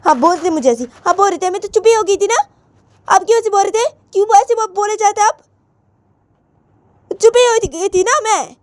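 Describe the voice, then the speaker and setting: A woman's voice: extremely high pitch, a little fast, long pauses, no room sound, studio quality, pitched above the performer's own voice. A woman voicing a defiant young woman who whines, argues back and repeats herself in a storybook tale. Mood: arguing. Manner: whiny, argumentative, repeats herself.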